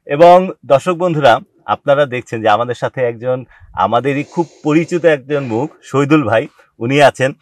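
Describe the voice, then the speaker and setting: A man's voice: mid-range voice, normal speed, dry recording. A man hosting a farming report outdoors in a village field, interviewing farmers under a gourd trellis. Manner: animated presenter, asks short questions. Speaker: agricultural show host.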